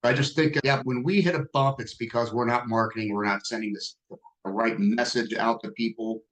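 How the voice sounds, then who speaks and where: A man's voice: mid-range voice, steady tone, a little fast, a bit bright, rough recording. Sixty-year-old man, easygoing business talk. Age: 60s. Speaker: guest business owner. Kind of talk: podcast interview.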